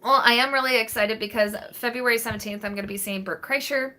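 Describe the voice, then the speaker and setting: Bright-voiced chatty young woman. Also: a little high, fairly even intonation, fast talker. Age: 20s. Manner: rambling, chatty, many fillers and restarts. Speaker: vlogger answering live chat. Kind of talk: casual live-stream chat. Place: small bedroom in front of a green wall.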